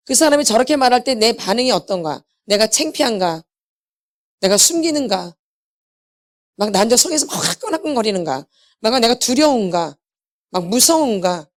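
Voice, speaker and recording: At a healing meeting, a woman who lectures in healing ministry preaches in a fairly high voice with lively rises and falls. She repeats key phrases for emphasis and poses questions to the congregation, then answers them herself.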